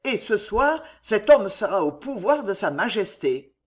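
A reader voicing a hot-tempered court marksman who growls and shouts in an audiobook. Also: medium pitch, big pitch swings, measured pace. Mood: furious.

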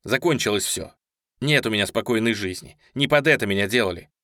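A man voicing a menacing, cold young male gunman in an audio story, who talks coarsely and sometimes drawls slowly. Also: fairly low pitch, animated, bright, forceful tone, dry recording, clean studio sound. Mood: rushed.

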